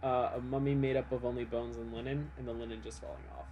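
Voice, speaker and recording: A man's voice: mid-range voice, little pitch movement, fast, a little mellow, dull audio, soft background music. A man co-hosting a game stream, chatting playfully and dreaming up gross imagery. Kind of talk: casual stream banter.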